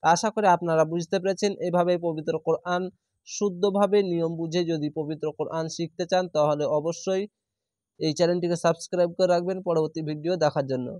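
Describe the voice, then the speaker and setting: A man with a high voice teaches Quran reading. He spells each syllable and then stretches out the recited word. The sound is dry and close, with no room echo. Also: fairly even intonation, a little fast, a little mellow.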